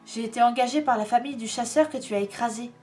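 A woman's voice: on the high side, fast, a little mellow, soft background music, close to an everyday voice. Woman doing a politely ruthless witch. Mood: calm. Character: apologetic but ruthless female witch.

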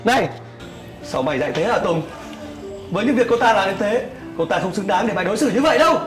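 A protective older brother, played by a man, in a web skit drama. He speaks earnestly and quickly in a fairly high voice, over music. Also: expressive. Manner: earnest, pleading. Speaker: actor. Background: background music.

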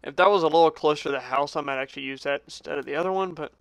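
A young man commentating his own game as he plays, joking with the game and yelping when startled, then dropping to a hushed mutter when tense. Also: on the high side, very fast, creaky, no echo. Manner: jokey, talks to the game, yelps when startled. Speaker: gaming channel host. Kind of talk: Minecraft let's play commentary.

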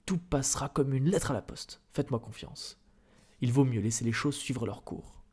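A man voicing a placid, oily newspaper director who hems and hedges, in a soft-spoken ASMR reading. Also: medium pitch, normal speed, husky, lightly acted. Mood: persuasive. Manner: oily, hesitant with ums. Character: smooth, placid middle-aged male newspaper director, unctuous.

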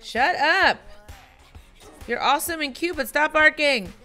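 A young woman commenting on her own video game play in a playful way, talking to the game's animals and making mock threats, with excited yelps. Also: high-pitched, a little slow, soft background music. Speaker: gaming channel host. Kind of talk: Minecraft let's-play commentary.

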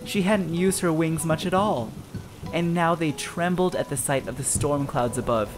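Reading a children's storybook aloud, a narrator with a mid-range voice uses an expressive, dramatic and deliberate storytelling style. The recording is rough, with music in the background.

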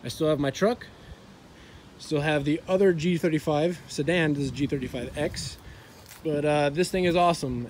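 A man's voice: a little high, darkish tone. A young man talking casually like a vlogger, with laid-back skater-bro slang. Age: young adult. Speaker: car vlogger. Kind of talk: casual vlog talk. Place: outdoors, driveway and open skatepark. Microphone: phone held at arm's length. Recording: outdoor phone recording with ambient noise.

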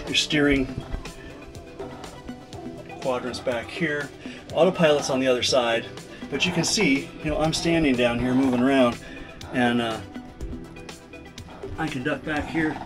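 A man giving a casual walkthrough of his sailing catamaran, talking in a relaxed, rambling way with plenty of ums and uhs. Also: medium pitch. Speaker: boat owner giving a tour. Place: aboard a sailing catamaran, outdoors and in engine room. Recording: music playing underneath.

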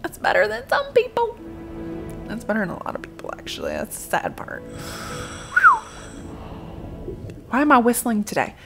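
A woman's voice: on the high side, wildly swooping pitch, fast, creaky, music in the background. A woman hosting a casual gameplay video, joking around, swearing freely and breaking into silly fake singing. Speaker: gaming video host.

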